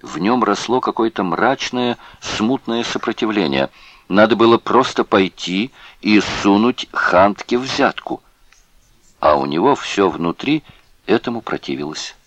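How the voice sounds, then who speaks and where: A man narrating an audiobook in a grave, measured reading. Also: fairly low pitch, animated, fairly bright tone. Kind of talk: scripted narration.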